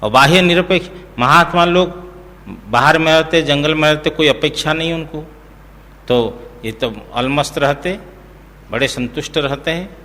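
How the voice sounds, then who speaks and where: A man delivering a scripture discourse at an unhurried pace, explaining patiently and now and then chanting a verse. His voice sits a little high and sounds bright. It rings with the long reverb of a hall. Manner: slow, explanatory, asks listeners if they follow, chants verses. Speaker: spiritual teacher.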